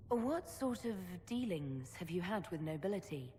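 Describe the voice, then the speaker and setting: Low-voiced inquisitive woman adventurer. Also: sing-song, normal speed, mellow. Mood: curious, polite. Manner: polite, questioning. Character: calm, inquisitive adventurer woman, courteous and direct. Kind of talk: video game dialogue acting. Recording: long hall reverb, faint noise.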